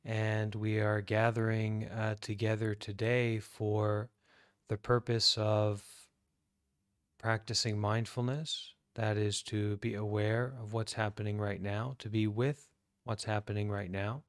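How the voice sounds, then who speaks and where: An American Buddhist monk leads a guided meditation talk in a smooth, even, lowish voice that stays within a narrow range. He is calm and deliberate, leaving long pauses between short phrases. The sound is dry and close, with no room sound.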